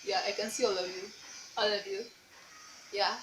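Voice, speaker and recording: Background noise fills an echoey room where a young Kenyan vlogger with a Luo accent talks straight to camera at normal speed. Her medium-pitched delivery is flat, though she playfully teases the viewer by repeating rhetorical questions.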